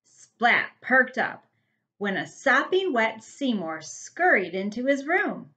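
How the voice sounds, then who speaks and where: Reading a picture book aloud to little kids, this first-grade teacher speaks slowly in a slightly high voice, with lively, emphatic storytelling.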